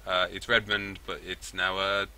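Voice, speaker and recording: A man's voice: deep voice, flat delivery, moderate pace, pushed and bright, clear, resonant tone. A man hosting a game playthrough, reading the story aloud with rambling, self-correcting asides. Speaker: let's play host.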